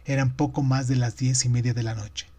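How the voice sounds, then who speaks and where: A man reading a novel aloud in steady, measured audiobook narration. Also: mid-range voice.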